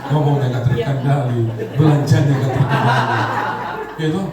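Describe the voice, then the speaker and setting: A man's voice: medium pitch, steady tone, moderate pace, a loud crowd. Man preaching in an echoey church hall. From Indonesia. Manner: humorous preaching, calls on the congregation to respond. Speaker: pastor. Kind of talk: sermon. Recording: echoey hall, distant mic, background noise.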